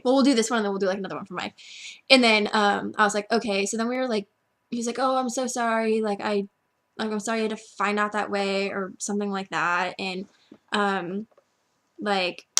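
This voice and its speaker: A woman's voice: medium pitch, steady tone, a little fast, a bit bright. Chatty teen girl with endless "like"s. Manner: chatty, constant "like" filler. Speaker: vlogger. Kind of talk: casual storytelling to a friend.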